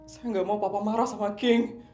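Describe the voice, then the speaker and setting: A gentle, heartbroken schoolgirl voiced by a man who speaks in a soft, high, pleading voice. The room echoes, and light music plays in the background. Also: fairly even intonation, normal speed, close to an everyday voice. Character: heartbroken teenage girl, gentle and loyal.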